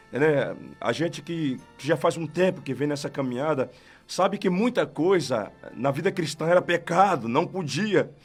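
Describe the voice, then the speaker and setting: Fervent high-voiced Brazilian evangelist. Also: male voice. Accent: Brazilian Portuguese. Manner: fervent storytelling, often calling out to God. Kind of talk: testimony in a radio interview. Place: radio studio.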